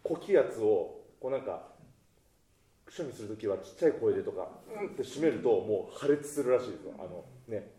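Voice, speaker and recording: A man leading a choir rehearsal, giving instructions in an animated way and breaking into sung demonstrations. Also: on the low side, a little fast, reverberant. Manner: animated, sings demonstrations mid-sentence. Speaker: choir conductor.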